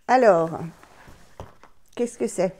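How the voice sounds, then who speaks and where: A woman's voice: medium pitch, drawn-out words, a little mellow. A woman beauty vlogger casually unboxing and trying products, chatty and enthusiastic, who talks to herself by name. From France.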